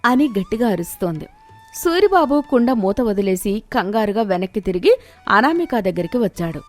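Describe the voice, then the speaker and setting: A woman's voice: mid-range voice, normal speed, soft background music. Woman narrating a storybook cartoon. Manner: steady, clear storytelling.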